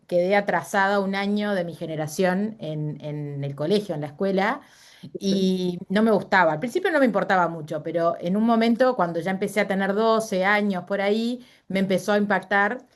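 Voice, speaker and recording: Speaking at a moderate pace with a medium pitch, this middle-aged Uruguayan woman recounts personal anecdotes as an interview guest. The conversation is casual, and she often uses fillers and corrects herself.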